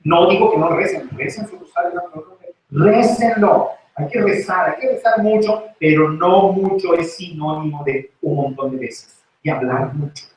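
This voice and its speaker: A man preaching a lively sermon and acting out the voices in the story. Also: on the high side, normal speed. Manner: animated, acts out voices in the story. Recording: very echoey church recording from far off.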